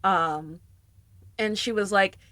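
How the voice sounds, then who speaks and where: Animated young woman host, dry sound. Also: medium pitch, slow pace, dry recording. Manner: animated storyteller, acts out quotes. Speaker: podcast host. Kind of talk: casual chat.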